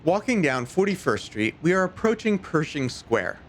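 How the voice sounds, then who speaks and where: A man's voice: a little high, big pitch swings, normal speed. A man narrating an informative guided tour as a travel host. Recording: faint background noise and ambience.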